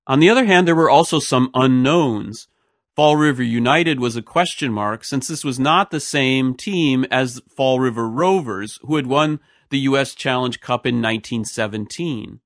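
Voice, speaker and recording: A man's voice: mid-range voice, normal speed, no echo, clean studio sound. A man reading a scripted history narration as a podcast host. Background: music.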